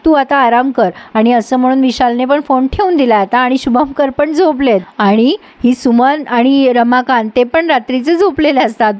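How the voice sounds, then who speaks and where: A woman with a high, bright-toned voice tells a story in a chatty, friendly voice-over and speaks straight to her listeners. The sound is close and dry, with no room around it. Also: no room sound. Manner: chatty, addresses the viewers directly. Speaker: storyteller recapping a TV serial.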